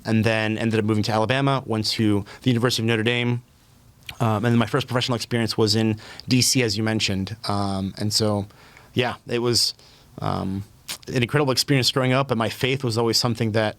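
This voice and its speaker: A man in his thirties from Puerto Rico appears as a relaxed podcast guest, his casual interview talk studded with fillers and restarts. He has a fairly low pitch, and the recording is dry.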